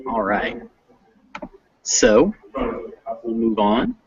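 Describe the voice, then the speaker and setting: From a classroom not his usual one, a man gives casual online English reading instruction, friendly, a touch hesitant, and full of fillers. His medium-pitched voice is very animated, with drawn-out words. Crowd noise is audible and the highs are cut off.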